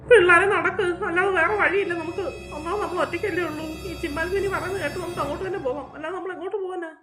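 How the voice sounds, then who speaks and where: A woman's voice: very high voice, fairly even intonation, racing. A woman playing a worried elderly grandmother in a kids' drama, anxious and full of exclamations. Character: worried elderly grandmother, fretting over the children. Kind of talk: Malayalam kids' fan drama.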